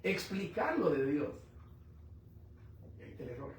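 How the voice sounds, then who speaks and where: A man preaching a sermon, asking the congregation rhetorical questions and swinging between loud and quiet. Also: fairly high pitch, very animated, moderate pace. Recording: echoey room, mic at a distance.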